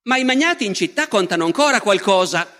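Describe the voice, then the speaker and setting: A man giving a public history lecture in an animated, conversational way, speaking straight to his audience. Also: high voice, fast talker. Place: large festival lecture hall. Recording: long hall reverb.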